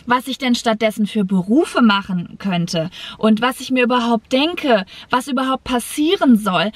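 A woman's voice: fairly high pitch, no echo. A young adult woman giving a personal rant to camera, emphatic and exasperated, repeating phrases for stress. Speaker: vlogger. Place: inside a parked car. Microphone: camera at dashboard distance.

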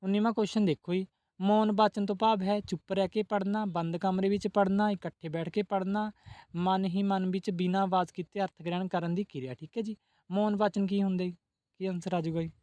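High-voiced man teaching exam questions. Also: steady tone, a little fast, warm tone, no room sound, muffled recording. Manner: repeats set phrases with polite ji, asks then answers. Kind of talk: exam-prep lesson.

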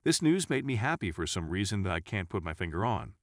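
A man reading out a first-person forum story as scripted narration, at an even reading pace. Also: low voice, a little fast, no echo, studio quality.

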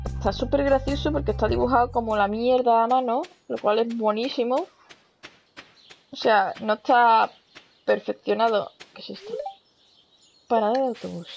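A woman's voice: on the high side, normal speed, vocal fry, long pauses, a little mellow. A young woman with a Spain Spanish accent chatting casually and cursing freely as she reacts to a farming game she is playing, with game music behind. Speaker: gaming channel host. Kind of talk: casual let's-play commentary.

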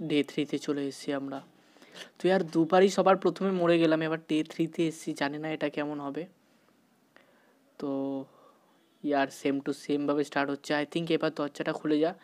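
Excitable man narrating a horror game. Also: on the high side. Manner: excitable, panicky outbursts, mixes English exclamations; sometimes talks softly out of fear. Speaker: gaming YouTuber. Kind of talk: horror game let's-play commentary.

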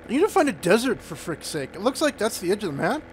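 A man chatting casually as he plays, excitable and quick to break into panicked yelps. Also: sits high, slight background noise. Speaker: gaming streamer. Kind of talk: casual gameplay commentary.

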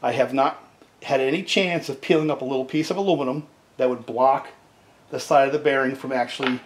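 Brisk and steady in a mid-range voice, a middle-aged man hosts a chainsaw repair video, casually describing the steps at his workbench with frequent "right?"s. It's recorded on a camera mic on a tripod in a cluttered, echoey home workshop with background noise.

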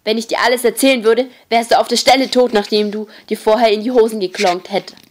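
A woman reading an audiobook, voicing a gruff, bossy teenage boy who leads the group and barks orders loudly. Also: mid-range voice, moderate pace, lightly acted. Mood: angry. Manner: loud, barking orders.

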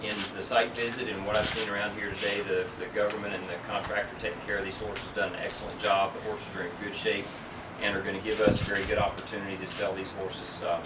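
A man's voice: on the low side, quick pace. A middle-aged man, an auction company owner, giving a businesslike statement at an indoor press event, picked up from a distance. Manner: businesslike, steady explaining. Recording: roomy, distant, loud air-conditioning hum.

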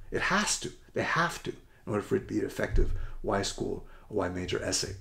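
A middle-aged man giving an upbeat, rushed presentation as a college essay coach, often correcting himself mid-sentence. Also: on the low side, creaky. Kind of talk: presentation to parents and students.

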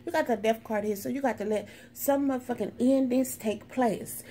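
A woman's voice: a little high, normal speed, mellow, a little hiss or hum. A woman doing a sassy, profane tarot reading in a brash, sarcastic way, swearing constantly. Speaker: tarot reader.

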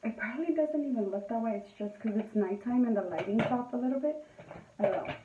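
A woman's voice: fairly high pitch, quick pace, noisy background. A woman telling a casual storytime while doing her makeup, emphatic and full of swearing, with Spanish words mixed in. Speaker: beauty vlogger. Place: indoors at night. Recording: tinny, roomy, distant from mic.

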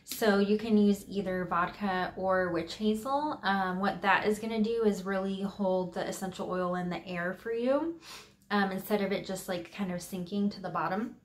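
A woman's voice: mid-range voice, moderate pace. A woman vlogger talking casually and upbeat through a DIY tutorial in her home office. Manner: chatty, upbeat, with fillers.

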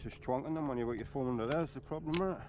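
A man's voice: mid-range voice, rapid-fire. A middle-aged man chatting with dry humour while fishing from a small inflatable boat at sea, picked up by an action camera. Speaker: angler. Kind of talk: casual chat while fishing. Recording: wind and sea noise.

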